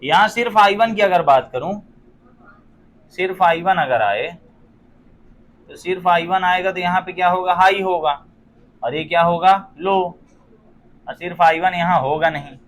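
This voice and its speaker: High-voiced male physics teacher lecturing a class. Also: unhurried, long pauses, a bit bright, slight background noise. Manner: quizzing students with frequent rhetorical questions; joking asides. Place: classroom with students.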